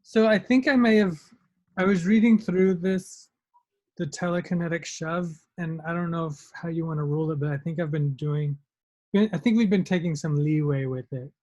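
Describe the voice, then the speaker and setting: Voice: mid-range voice, moderate pace, a little mellow, lo-fi sound. A player in a tabletop game, tentatively raising a rules question. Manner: tentative, hedging about rules. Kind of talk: casual tabletop play.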